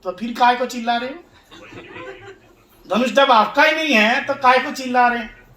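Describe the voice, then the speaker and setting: A man's voice: very high voice, normal speed, bright, forceful tone, echoey room. A man voicing a bold young male warrior who asks pointed questions. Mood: challenging.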